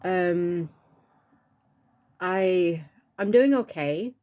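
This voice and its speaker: A woman talking to her viewers in a personal vlog, earnest and soft-spoken, with stuffy sinuses and a tearful edge, pausing and restarting often. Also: fairly low pitch, animated. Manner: halting, with many pauses and restarts. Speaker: YouTube art channel creator.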